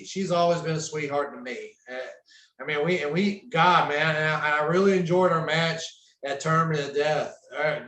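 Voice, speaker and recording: Appearing as a podcast guest, a man tells wrestling-road stories in a laid-back, casual way, laughing as he goes. His pitch is fairly high and his tone fairly bright, and the recording has a roomy echo.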